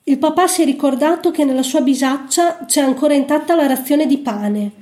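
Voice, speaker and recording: High-voiced woman reading a story. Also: a little fast, warm tone. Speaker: narrator.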